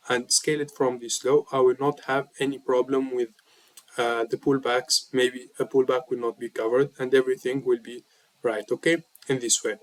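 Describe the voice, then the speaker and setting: A man teaching a trading lesson over a chart, his voice a little sick. He speaks at a middle pitch and keeps checking in with listeners. His delivery is steady and repetitive. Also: no echo, rough recording. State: slightly sick voice. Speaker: trading mentor.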